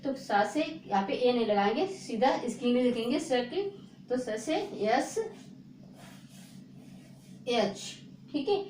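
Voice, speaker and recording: A woman's voice: on the high side, animated, darkish tone. Woman teaching with rhetorical questions, echoey room. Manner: repeats words slowly and asks rhetorical questions. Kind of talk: spelling lesson to viewers. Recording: echoey room with faint noise.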